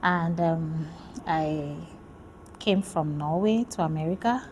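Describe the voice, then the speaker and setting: A woman's voice: deep voice, slow pace, a little mellow, a little hiss or hum. A woman from Nigeria, a PhD student, talking about her research in a casual interview, friendly and hesitant with many fillers.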